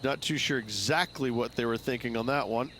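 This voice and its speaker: A man's voice: medium pitch, brisk, background noise, lightly acted. A man playing a wry, self-deprecating golf analyst giving conversational color commentary in a video game.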